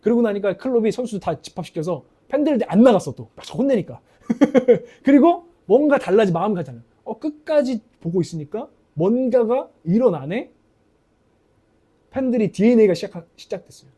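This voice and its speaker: A man delivers a sermon in an animated, storytelling way. His voice sits high and swings widely in pitch. The tone is deep-toned and mellow rather than bright. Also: brisk, husky. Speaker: pastor.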